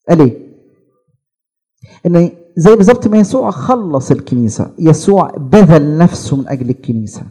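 Husky Egyptian male preacher, mellow tone. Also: high-pitched. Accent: Egyptian Arabic. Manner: questions the audience, then answers with rising emphasis. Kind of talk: sermon.

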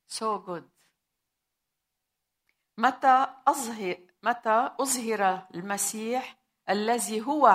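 A woman with a Lebanese accent preaching a sermon, asking the congregation questions, dropping in English words and slowing down for scripture. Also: fairly high pitch, fairly bright tone. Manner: mixes Arabic with English words, asks the audience questions.

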